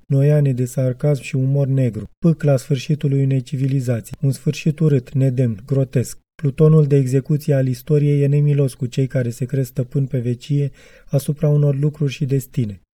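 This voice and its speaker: A male reader narrating a literary audiobook in a measured, reflective manner. His voice is very dark and mellow. It is recorded close and dry. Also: mid-range voice, no room sound.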